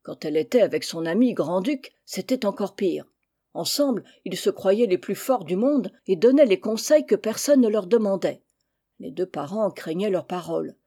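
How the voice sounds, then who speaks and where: A woman reading a children's story aloud with gentle, measured narration. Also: mid-range voice, animated, slightly rough.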